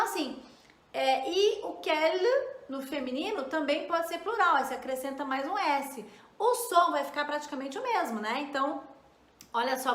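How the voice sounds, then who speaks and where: A woman teaching French in a patient, encouraging way. She spells words out and repeats them slowly, often checking that the learner is following. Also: sits high, fairly bright tone, reverberant. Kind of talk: online language lesson.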